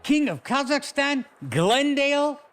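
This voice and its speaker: Slow-talking high-voiced male presenter. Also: animated, over loud music. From Los Angeles. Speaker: award presenter.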